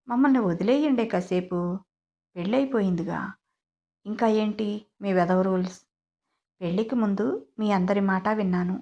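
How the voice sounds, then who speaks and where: A woman's voice: medium pitch, a little mellow, lo-fi sound, natural voice. A woman voicing a brash, playful young groom who teases and insists. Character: bold teasing young man, newly married groom.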